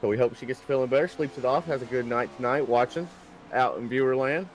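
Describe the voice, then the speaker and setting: A man with a Southern US accent fills the air as co-commentator on a live sim-racing broadcast. He talks over a headset in a folksy, easygoing way, with an everyday mid pitch. A little hiss runs under his voice. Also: fast talker. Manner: folksy and easygoing, calls his partner brother and buddy. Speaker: race co-commentator.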